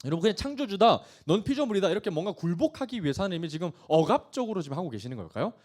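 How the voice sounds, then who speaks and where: A man's voice: on the high side, sing-song, very fast, a little mellow. A male pastor giving a sermon, reading scripture aloud with force and asking the congregation questions that he then answers himself.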